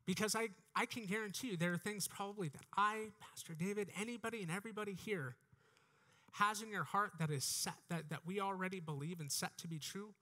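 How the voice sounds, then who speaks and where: A preacher in his thirties with an American accent speaks into a headset mic on an indoor church stage, his voice high, brisk, bright and forceful. His sermon is earnest and exhorting, and he often repeats phrases.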